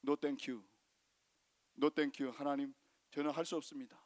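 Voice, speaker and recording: Pastor doing a shy reluctant young warrior guy, quiet and low, hedging and begging. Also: moderate pace, natural voice. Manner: refusing, then bargaining.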